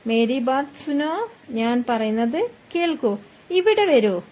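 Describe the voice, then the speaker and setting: A woman's voice: high voice, lively intonation, takes it slowly, a little mellow. A woman teaching Hindi phrases, patiently repeating each one several times. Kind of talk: slow language lesson, repeating each phrase.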